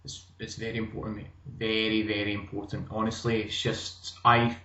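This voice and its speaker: A man's voice: lowish voice, moderate pace. Scottish man on a roomy, muffled line. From Scotland. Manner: relaxed, conversational, many restarts. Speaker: gym owner and guest. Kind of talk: casual interview chat.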